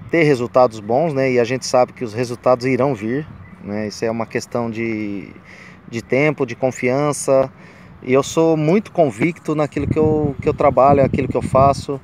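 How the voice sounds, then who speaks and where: A man, a football coach, speaking haltingly with many fillers in a recorded interview clip made outdoors. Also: medium pitch, noisy background.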